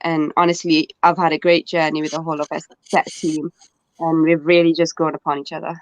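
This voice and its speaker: A man's voice: a little high, little pitch movement, brisk, no room sound. A man who is a student interfaith officer, speaking earnestly and filling his speech with "you know". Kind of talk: casual online panel chat. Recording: muffled, dry sound.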